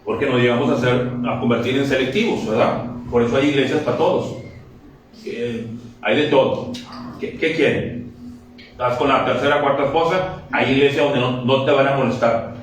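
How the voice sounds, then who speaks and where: A man preaching a lively, joking sermon, acting out quick dialogues to his congregation. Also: medium pitch, slight background noise. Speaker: pastor. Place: church sanctuary. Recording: very echoey church from a distance.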